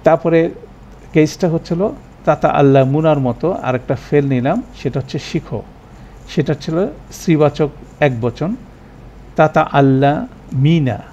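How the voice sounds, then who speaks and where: Gravelly-voiced man teaching grammar. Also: fairly high pitch, warm tone, dull audio, a little hiss or hum. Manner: patient step-by-step explaining, repeats example words slowly; mixes English terms into his talk. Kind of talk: recorded classroom lecture.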